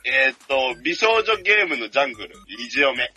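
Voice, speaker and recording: Fast, bright, husky man over a call. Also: medium pitch, very animated. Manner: fast, eager storytelling with jokey asides. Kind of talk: casual chat over a video call. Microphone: video call. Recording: video call with music behind.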